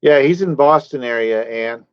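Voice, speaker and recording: A man's voice: medium pitch, normal speed, smooth, no room sound, muffled recording. A man hosting a casual live stream, rambling and talking to his chat viewers by name.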